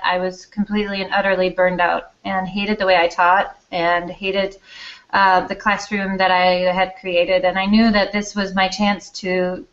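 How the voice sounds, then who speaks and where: A woman's voice: medium pitch, fairly bright tone. A woman from Denmark, an elementary school teacher, telling her story in a candid, self-deprecating, chatty way in an interview. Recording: slightly dull lo-fi recording.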